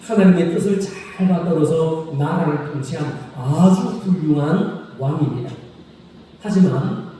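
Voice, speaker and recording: Dark-voiced pastor in an echoey church. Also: male voice, a little high. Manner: asks the congregation questions and repeats key phrases; slow, solemn scripture reading. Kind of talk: sermon. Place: church sanctuary. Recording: echoey hall reverb from a distant mic, faint noise.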